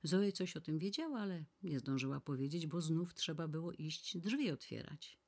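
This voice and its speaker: A woman reading a classic novel aloud in measured, even storytelling. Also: low voice. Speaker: audiobook reader. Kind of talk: scripted narration.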